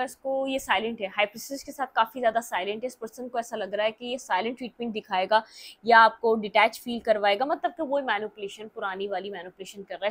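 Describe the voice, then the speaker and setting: A woman's voice: a little high, a bit bright. Hindi-accented woman reading tarot cards. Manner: thinks aloud, often pausing with "ठीक है" and filler sounds. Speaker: tarot reader.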